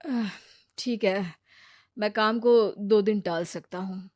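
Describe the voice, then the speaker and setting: A woman voicing a sensible grown man, a brother-in-law who talks patiently and gently lectures. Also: medium pitch, takes it slowly, close to an everyday voice. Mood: calm.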